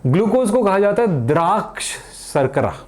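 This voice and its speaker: A man's voice: sits high, sing-song, moderate pace, a little mellow. A middle-aged man teaching a chemistry lesson in a chatty way, asking and answering his own questions and using everyday examples. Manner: colloquial, calls students beta, jokes. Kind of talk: chatty classroom lecture.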